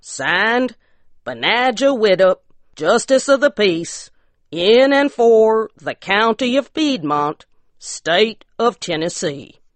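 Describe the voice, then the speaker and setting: A woman's voice: mid-range voice, big pitch swings, slow pace, dry recording, voice pushed up. A woman voicing a solemn, pompous rural justice of the peace who speaks in formal, ceremonious legal phrases.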